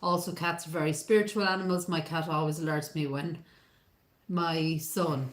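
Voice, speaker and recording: A woman's voice: sits low, fairly even intonation, normal speed. A woman co-hosting a live stream, chatting casually and reading viewer comments aloud. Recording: roomy, echoing sound.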